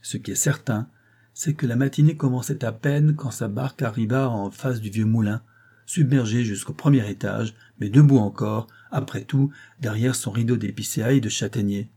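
A man reading a classic novella aloud in a measured, dramatic storytelling manner. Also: medium pitch, mellow, breathy edge. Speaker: narrator.

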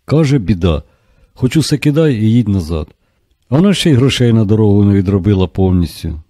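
A man's voice: lowish voice, lively intonation, fairly quick, mellow, no echo, studio quality, lightly acted. A man voicing a bossy, chatty middle-aged female doctor in an audiobook.

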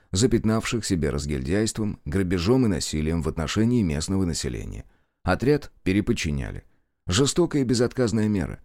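A man narrating an audiobook with a very deep voice and lively, rising-and-falling intonation. His storytelling is measured and expressive, recorded dry and close. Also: no room sound. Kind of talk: scripted narration.

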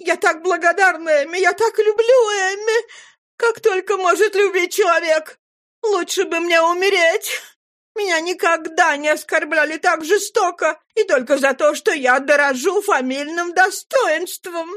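A woman voicing a proud young woman who sobs and complains in a high wail. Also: a little slow. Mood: tearful outrage. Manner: high, loud, wailing complaint. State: sobbing. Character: proud young woman, tearful and self-pitying.

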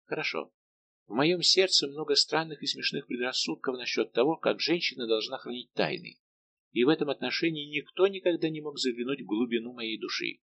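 A man reading the part of a shy, gentle young maid of honour at a royal court, speaking softly and pleadingly. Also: medium pitch, lively intonation, brisk, gravelly, exaggerated voice. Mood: guarded.

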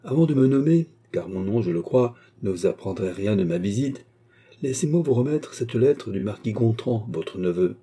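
Smooth young baronet in a storybook, courteous and coolly persistent, read by a man, in a mellow husky voice. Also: on the low side, lively intonation, normal speed. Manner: polite, modest and coolly persistent. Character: young male Irish baronet, smooth schemer.

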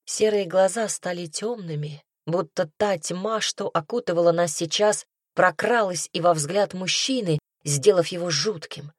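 A woman reading a first-person audiobook, telling the story in a lively, ironic way. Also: lowish voice, unhurried, hardly any pauses, no echo, studio quality. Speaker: audiobook narrator.

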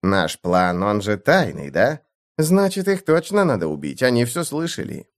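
A man voicing a brash, cruel young lord in an audiobook, shouting, bullying and gleeful. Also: mid-range voice, big pitch swings, moderate pace, close to an everyday voice. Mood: conspiratorial. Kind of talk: audiobook character voice.

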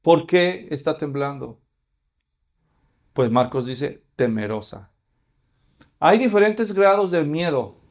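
A man's voice: fairly high pitch, lively intonation, slow pace, pauses often. A man, preaching a sermon as pastor and asking his congregation questions.

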